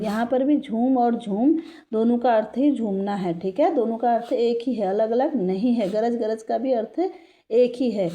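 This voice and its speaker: A woman's voice: mid-range voice, dark tone. A woman teaching a lesson, asking her class questions and answering them herself. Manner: reads verse lines slowly and deliberately. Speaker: Hindi teacher. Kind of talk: classroom lesson explaining grammar.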